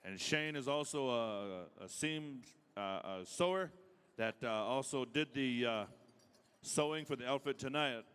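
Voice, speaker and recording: A man emceeing a powwow over a reverberant arena sound system. His voice is clean and resonant at a medium pitch. He calls names in a stretched, emphatic way and fills in with informal, halting remarks. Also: fairly bright tone, smooth. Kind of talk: live ceremonial announcing, calling names to come forward. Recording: reverberant large hall PA sound.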